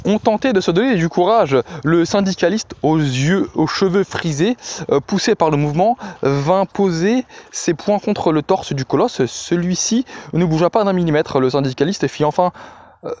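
A man reads a thriller aloud in a slightly high voice. His delivery is dramatic, with the odd hesitation and a restarted phrase here and there. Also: animated, moderate pace, darkish tone. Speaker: reader. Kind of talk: reading novel excerpts aloud.

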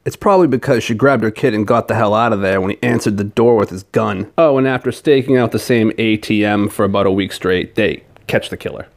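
A man's voice: medium pitch, a little mellow. A man narrates a comedic video review as a scathing critique. His delivery is sarcastic and foul-mouthed, tearing into his subject as host.

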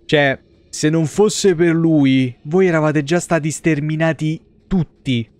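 A game streamer in his thirties, a man with a Roman Italian accent, delivers casual, rambling, foul-mouthed live gameplay commentary from a small indoor streaming room. His voice sits on the high side with a darkish tone, fairly even intonation and a slow pace. The recording has no echo.

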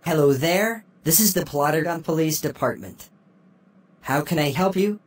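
A man's voice: a little high, animated, normal speed, very noisy, lightly acted. A man voicing a stern police officer in a comic cartoon. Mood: polite.

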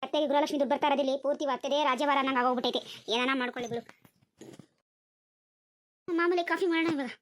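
A woman's voice: high-pitched, fairly even intonation, fast talker, long pauses, a bit bright. A woman voicing a whiny young daughter-in-law. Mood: muttering. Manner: whiny, grumbling asides.

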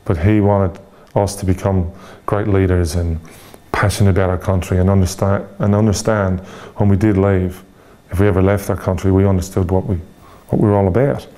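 He's an Irish man in his forties, being interviewed and answering honestly and reflectively, though he pauses a lot and restarts with fillers. His low-pitched voice carries a dark, steady tone.

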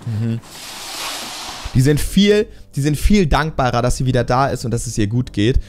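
A man's voice: medium pitch, very animated, moderate pace, a little mellow, a little hiss or hum. A man giving casual reaction commentary on a TV show, exasperated and talking back at the screen.

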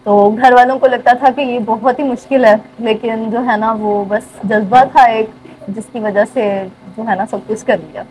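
A woman's voice: on the high side, fairly even intonation, unhurried, darkish tone, rough recording. A young woman with a Pakistani accent, answering interview questions through a face mask. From rural southern Punjab, Pakistan. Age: young adult. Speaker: university student being interviewed. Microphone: speaking through a cloth face mask. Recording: faint ambient background noise.

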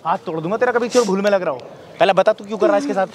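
A man confronting someone outdoors, angry and commanding, firing off rough repeated orders at a rapid pace. His voice sits high for a man, and clear background noise runs behind him. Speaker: bystander stepping in. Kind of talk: heated confrontation. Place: outdoor park.

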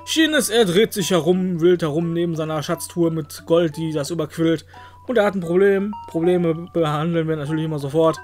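A man's voice: on the high side, normal speed, darkish tone, soft background music. A man hosting a let's play, joking with the game characters and letting out silly exclamations. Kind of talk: playful gameplay commentary.

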